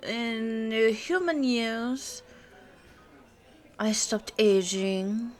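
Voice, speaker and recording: A woman of medium pitch with vocal fry voices a teasing, worldly vampire girlfriend, a pure-blood who is ageless but looks twenty-nine. Her one-sided ASMR roleplay is intimate and unhurried, full of musing and little hums before she answers, with soft background music and cafe sounds underneath.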